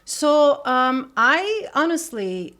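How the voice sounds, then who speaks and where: A woman's voice: high-pitched, very animated, extremely slow, bright, forceful tone. A woman from Turkey, a guest artist in a casual interview, speaking hesitantly with many ums and uhs. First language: Turkish.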